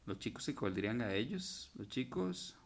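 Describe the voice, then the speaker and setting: A man's voice: medium pitch, big pitch swings, moderate pace, vocal fry. A man teaching a recorded grammar lesson, patiently working through verb forms one at a time and stopping to correct typos and his own slips. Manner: corrects himself and points out typos.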